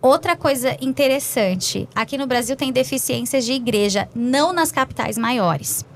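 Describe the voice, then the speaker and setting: A Brazilian woman pastor with a Brazilian Portuguese accent, chatting in a lively testimony style and acting out quoted dialogue. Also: sits high, moderate pace, vocal fry, slight background noise. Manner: animated storytelling, acts out quoted dialogue, frequent tag questions. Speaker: pastor and podcast host. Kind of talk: casual faith testimony chat.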